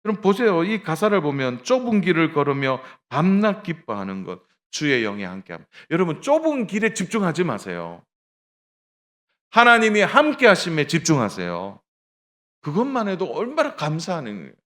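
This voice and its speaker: Korean man preaching with lively pitch. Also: normal speed. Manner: tells a story with acted dialogue, addresses the congregation directly. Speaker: pastor. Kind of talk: sermon.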